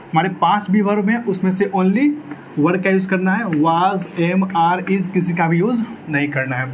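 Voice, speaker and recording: Man lecturing on grammar, high voice, asks and answers himself, faint hiss behind. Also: moderate pace, rough recording. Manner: asks and answers his own questions, repeats key words. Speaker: English grammar teacher. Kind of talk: exam-prep grammar lecture.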